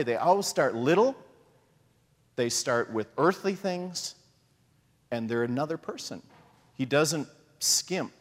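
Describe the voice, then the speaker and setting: A middle-aged man preaching a sermon in a lively, conversational way, acting out the voices he quotes. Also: on the high side. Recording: long hall reverb.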